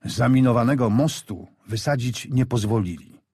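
A man narrating a war story in a measured storyteller's way, lifting his voice for the soldiers he quotes. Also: medium pitch, lively intonation, a little mellow, breathy edge, no room sound, studio quality.

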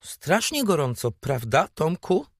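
A man's voice: on the high side, huge pitch swings, slow, no echo, studio quality, voice pushed up, heavily acted. A man voicing a fussy, scheming elderly aunt who asks sly, probing questions in a storybook reading. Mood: coaxing, sly.

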